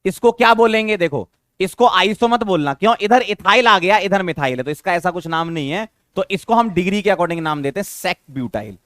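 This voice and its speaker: A man's voice: high-pitched, animated, a little fast, a bit bright, dry recording, studio quality. A man teaching a chemistry lesson, coaxing his students with questions and repeating the key terms. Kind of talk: classroom lecture.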